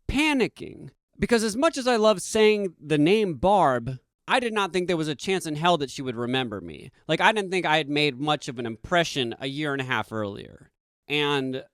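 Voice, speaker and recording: A man from Boston telling a self-deprecating personal story as a podcast host, animated and emphatic. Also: a little high, smooth, no echo, studio quality.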